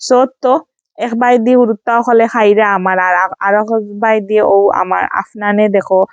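A woman's voice: mid-range voice, fairly even intonation, normal speed, clear, resonant tone, no room sound, dull audio. A woman from Sylhet, Bangladesh, with a Sylheti Bengali accent, chatting casually in a vlog voice-over and sprinkling in English fillers. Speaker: vlogger.

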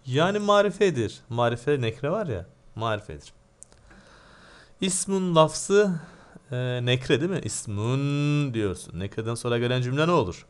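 A man's voice: mid-range voice, expressive, moderate pace, hardly any pauses, clean tone. Man teaching grammar, quizzing himself. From Turkey. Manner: asks himself questions and answers them, quizzing tone. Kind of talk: grammar lesson.

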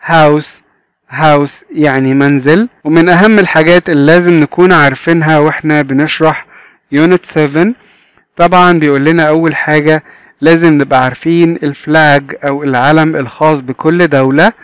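A young man with an Egyptian Arabic accent giving a children's English lesson, repeating each word slowly and clearly. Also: fairly high pitch, steady tone, dry recording. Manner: slow repetition of words for children. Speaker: teacher.

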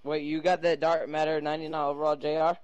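A man's voice: on the high side, little pitch movement, fast, smooth, dry recording, low-quality recording. A young man on a call with a friend, asking skeptical questions in casual gaming chat.

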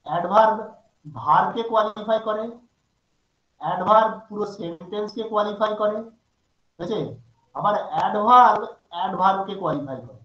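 A man's voice: sits high, moderate pace, long pauses, roomy sound, dull audio. A man teaching English grammar in an online class, stopping often to ask his students questions. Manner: asks students frequent check questions. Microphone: video call.

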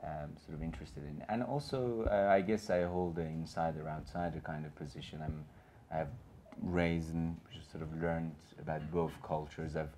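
With an extremely low, dark, steady voice, an Iranian filmmaker in his thirties talks at normal speed with few pauses on a gallery panel before an audience in a small room. He has a Persian accent, and his earnest speech rambles with fillers and restarts over slight background noise.

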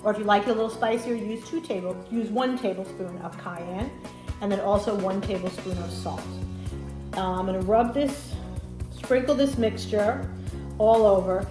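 This middle-aged woman hosts a cooking show, and her mid-range voice stays fairly even at a normal speed while she lays out a recipe step by step. The relaxed demonstration takes place indoors in a home kitchen, where music plays and food sizzles and fries.

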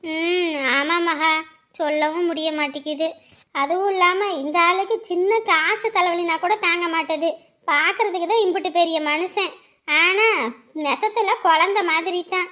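A woman's voice: extremely high pitch, fairly even intonation, moderate pace, bright, forceful tone. A woman, chatting and scolding in a neighbourly skit. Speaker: performer voicing village women. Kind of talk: village comedy skit dialogue.

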